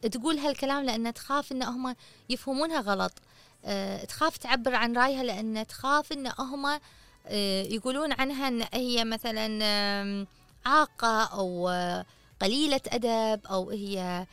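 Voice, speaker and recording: A woman's voice: fairly high pitch, a bit bright. A woman hosting a podcast, giving earnest, coaching advice in a casual way and putting questions to her listeners. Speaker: podcast host.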